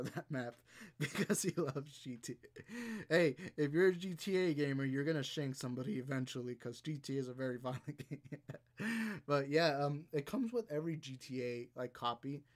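A man's voice: mid-range voice, normal speed. A young adult man hosting a live stream, chatting loosely with viewers, rambling with lots of ums and frequent laughs. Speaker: livestream host. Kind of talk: casual live-stream chat reading viewer comments.

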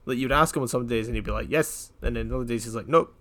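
A young man from Scotland in casual podcast chat, telling jokes in a flat deadpan way and wandering off on tangents. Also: mid-range voice, racing. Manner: deadpan, rambling joke-telling. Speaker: podcast co-host.

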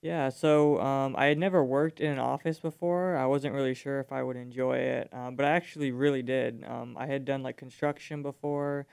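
A young man talks easily as a guest on a faith show, dropping ums and likes as he goes. His voice is smooth with a gravelly edge, and the recording is dry. He sits at a middle pitch. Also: steady tone, moderate pace, hardly any pauses, darkish tone, dry recording. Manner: easygoing, many ums and likes. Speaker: ministry guest, reservist. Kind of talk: casual interview answers.

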